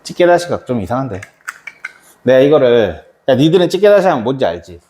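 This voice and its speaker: A man's voice: medium pitch, very animated, brisk, dark tone, a little hiss or hum. A man teaching a math lesson to a class, chatty and quizzing students by name. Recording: echoey classroom.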